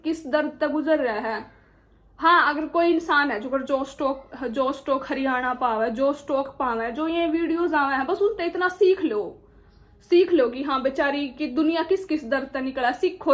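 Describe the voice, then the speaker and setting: High-voiced Haryanvi young woman vlogging. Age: young adult. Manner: earnest, appealing to viewers. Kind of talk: personal story monologue.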